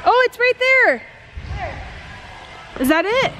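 A woman's voice: very high-pitched, sing-song, slow, pushed and bright, slight background noise, low-quality recording. A woman chatting casually and teasingly, giggly as she talks from behind a camera. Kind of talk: casual chat. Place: large indoor skatepark.

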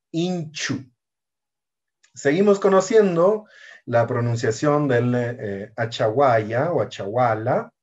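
A man giving a language lesson, slowly drilling words and syllables one by one. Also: on the high side. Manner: slow, careful syllable-by-syllable pronunciation drills. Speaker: teacher. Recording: dull lo-fi recording.

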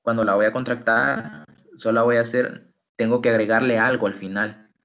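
A man tutoring English online, slowly explaining and drilling example phrases. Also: mid-range voice, steady tone. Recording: dull lo-fi online call audio.

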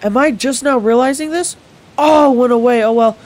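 A woman giving casual gameplay commentary, exclaiming and thinking out loud as she plays. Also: a little high, fairly quick, slight background noise. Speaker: gamer, let's player.

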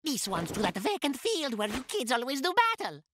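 A bustling cartoon shop boss with a high, lively voice. The manner is breezy and coaxing, with music playing behind. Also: female voice, brisk, noisy background. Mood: brisk. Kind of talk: animated cartoon voice acting.

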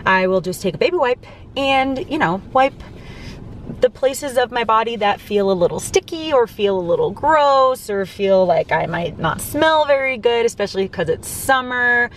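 Young woman chatting into a dash camera in her car, kinda rambly, faint hum behind. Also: medium pitch. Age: young adult. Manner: chatty, rambling, explains step by step. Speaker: vlogger. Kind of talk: casual vlog talk to camera. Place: inside a parked car. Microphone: camera on the dashboard.

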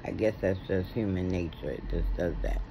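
A middle-aged American man chatting casually to a phone camera with halting, toothless speech. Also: low voice, noisy background. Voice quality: toothless, soft-edged articulation. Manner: halting, with long pauses. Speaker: video blogger. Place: indoors at home, reclining. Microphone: phone at arm's length.

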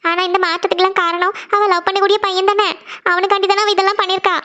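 Someone doing a worried, squeaky cartoon mother. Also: level tone, pushed and bright, highs cut off. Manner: slow, anxious, sorrowful talk. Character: worried tearful mother, a woman's elder sister. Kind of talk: Tamil cartoon series dialogue.

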